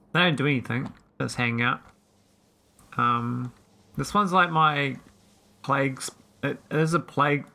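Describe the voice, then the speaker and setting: A man chatting casually while streaming a game, rambling with many pauses and talking to his viewers. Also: medium pitch, gravelly, bright, forceful tone. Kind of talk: casual live-stream chat.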